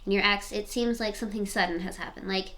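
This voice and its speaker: Seated at home before the camera, this tarot reader in her twenties rambles chattily through a casual reading and keeps asking the same questions again as she shuffles. She speaks fast in a mid-range, slightly bright voice with fairly even intonation.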